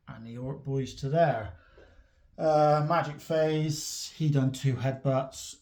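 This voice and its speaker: A man casually recapping his army's turns in a tabletop battle report, chatty and quick to laugh. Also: medium pitch, warm tone.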